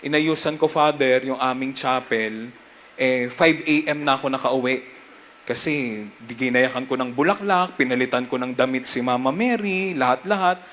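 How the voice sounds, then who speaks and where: A young man with a Filipino accent, a priest giving a lively homily and leading the congregation in call-and-response. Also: medium pitch, normal speed, a little hiss or hum. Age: young adult.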